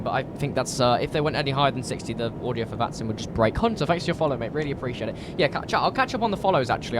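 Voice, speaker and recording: A British man with a slightly croaky voice from a cold, chatting informally and thinking aloud as he live streams a flight sim. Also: medium pitch, noisy background. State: recovering from a cold. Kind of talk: casual live stream chat while flight simming.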